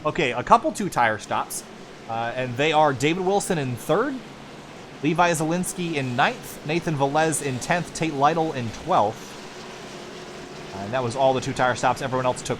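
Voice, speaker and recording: A man calling sim racing play-by-play as lead commentator, quick and building excitement during the action. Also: mid-range voice, background noise.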